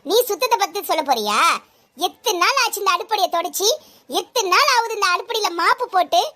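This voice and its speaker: A woman playing a sharp-tongued mother-in-law who scolds and hurls insults at her daughter-in-law in a comedy sketch. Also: very high-pitched, expressive, brisk, full character voice. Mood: scolding. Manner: scolding, name-calling.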